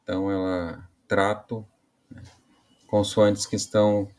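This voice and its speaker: A man's voice: fairly low pitch, flat delivery, darkish tone. A man teaching an online Portuguese grammar lesson, explaining casually, often ending phrases with tag questions and restarting mid-sentence. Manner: casual explaining with frequent "né" and "tá" tags; halting restarts while explaining.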